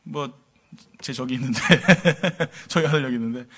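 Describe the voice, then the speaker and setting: A man's voice: mid-range voice, moderate pace, fairly bright tone, breathy edge. A middle-aged male pastor preaching a sermon in a conversational, humorous way, full of rhetorical questions to the congregation. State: tired from lack of sleep.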